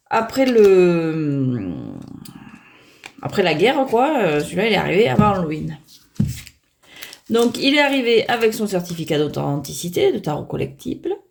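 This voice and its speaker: A woman's voice: mid-range voice, gravelly, a little hiss or hum. A woman reviewing a tarot deck in a casual unboxing chat, hesitant and chatty, often stopping to restart and poke fun at herself. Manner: self-mocking.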